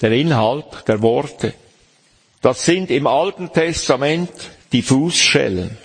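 A man preaching a sermon, slow and emphatic, asking the listeners questions. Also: medium pitch, lively intonation, husky. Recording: long hall reverb.

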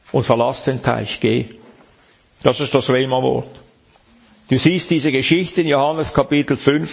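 A man's voice: medium pitch, gravelly. A man preaching a sermon, reading scripture aloud and explaining it to the congregation.

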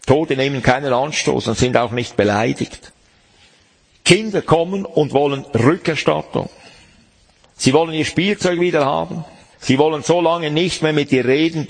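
A man preaching a sermon, slow and emphatic, asking the listeners questions. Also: mid-range voice, husky. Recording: long hall reverb.

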